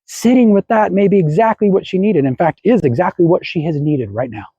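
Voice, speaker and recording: A man's voice: high-pitched, expressive, fairly quick, dark tone, husky, no room sound, dull audio. A man hosting a motivational podcast, coaching listeners and acting out their anxious inner voices. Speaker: podcast host.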